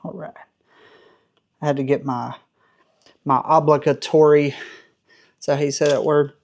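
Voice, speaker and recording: A man's voice: fairly high pitch, flat delivery, a little slow, a little hiss or hum. Southern dude in his 30s, joking around while he wrenches in his garage, easygoing chat. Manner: joking, self-deprecating, talks while working. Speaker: car restoration vlogger. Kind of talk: casual workshop chat. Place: home garage.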